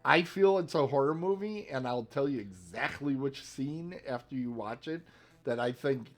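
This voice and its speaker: A man's voice: medium pitch, animated, normal speed. A man co-hosting a movie podcast in casual, joking banter with his co-host. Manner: jokey, playful banter. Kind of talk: casual chat.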